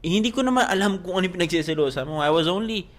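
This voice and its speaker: A man's voice: high voice, fast. A young Filipino man co-hosting a podcast, telling a story in casual chat and acting out quoted lines with laughs. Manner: animated, acts out quoted dialogue with laughs. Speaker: podcast co-host.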